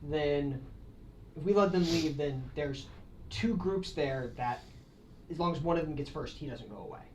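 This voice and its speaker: A man's voice: on the high side, moderate pace, roomy sound, noisy background. A man playing a tabletop game, planning practical moves and thinking aloud with his group. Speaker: player.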